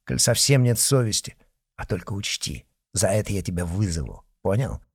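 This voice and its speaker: A man voicing a drunk, jealous young officer who jeers and shouts in an audiobook. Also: lowish voice, big pitch swings, normal speed, vocal fry, husky, no echo, studio quality, heavily acted. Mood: jeering. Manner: swaggering, jeering, shouting. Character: drunk, jealous young male officer, boastful and hot-tempered.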